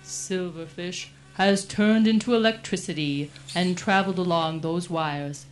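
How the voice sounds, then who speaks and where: A woman's voice: on the low side, a little slow, faint music behind, close to an everyday voice, low-quality recording. A woman playing a haughty, solemn huntress goddess in a cartoon, speaking in a formal, archaic manner. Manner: formal, archaic, speaks of herself in third person.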